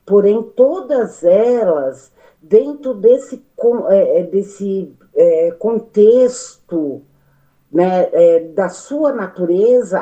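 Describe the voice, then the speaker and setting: A Brazilian woman speaking at a study meeting, animated and full of restarts and fillers. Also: medium pitch, muffled recording. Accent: Brazilian Portuguese. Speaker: study group participant. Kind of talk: spoken reflection in a study meeting.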